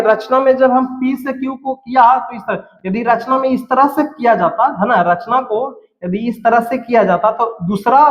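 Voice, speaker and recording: High-voiced man teaching maths. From Bihar, India. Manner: repeats steps, asks and answers his own questions. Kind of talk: blackboard maths lesson. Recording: roomy echo, dull lo-fi sound.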